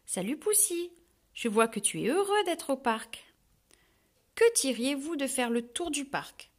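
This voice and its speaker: A woman reading a children's storybook, voicing an upbeat, sporty young man in a high, friendly voice. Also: expressive, measured pace.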